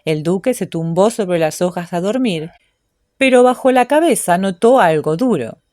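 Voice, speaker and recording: Calm low-voiced woman reading a folk tale. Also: moderate pace, no room sound, studio quality. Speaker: storyteller. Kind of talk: storybook narration.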